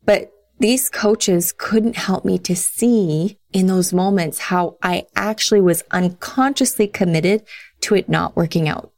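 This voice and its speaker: A woman's voice: mid-range voice, darkish tone. A woman hosting a solo self-help podcast, talking in an earnest, encouraging way as she gives advice. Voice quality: creaky. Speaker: podcast host.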